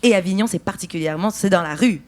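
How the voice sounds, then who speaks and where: A woman's voice: fairly low pitch, fast talker. A woman from France, an actress and writer, answering festival interview questions in a thoughtful way, often searching for words.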